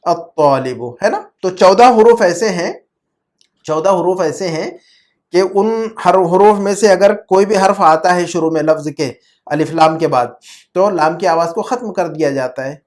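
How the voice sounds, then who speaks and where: A teacher of Arabic, recorded over a computer mic on a video call, walking a student through pronunciation. The delivery is patient and repetitive, with frequent checks that the point is clear and English words dropped in, all at an average pitch. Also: darkish tone. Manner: patient, repeats words and checks understanding often; mixes English terms into explanations. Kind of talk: online class explained in Urdu. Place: online video class.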